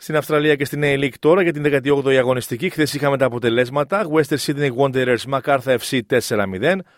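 A man's voice: mid-range voice, no room sound, clean studio sound. A man reading a scripted sports results bulletin as a news presenter.

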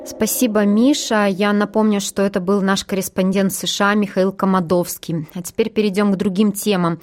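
A woman's voice: medium pitch, darkish tone. A woman presenting the news and introducing reports as the presenter.

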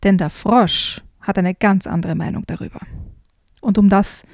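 Woman book presenter, lively reader, dry close mic. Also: medium pitch, normal speed, no echo. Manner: lively storyteller, reads with character voices. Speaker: co-host presenting children's books. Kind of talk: casual chat and reading aloud.

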